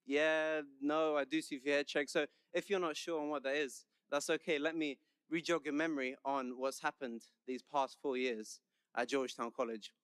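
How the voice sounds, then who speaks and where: A man's voice: on the high side, level tone, moderate pace, fairly bright tone, clear, resonant tone, no echo, studio quality. A young man with a London English accent giving a chatty, joking commencement speech as the senior class speaker. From London, England. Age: young adult.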